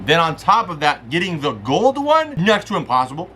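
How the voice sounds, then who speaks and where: A young man hosting a collector channel, chatting casually and gushing with excitement as he unboxes merch. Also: on the high side, slight background noise. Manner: excitable, quick to gush and laugh.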